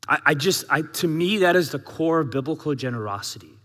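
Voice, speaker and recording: Man, pastor, sermon, high voice, very lively pitch, reverberant church hall. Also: a little fast. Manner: animated, conversational preaching with rhetorical questions.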